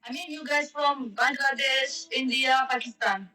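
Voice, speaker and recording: A woman's voice: high voice, a little slow, sharp tone, far from the mic. A woman chatting casually on a live-stream app, speaking in a playful, teasing manner. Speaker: language exchange chat partner. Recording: echoey and off-mic.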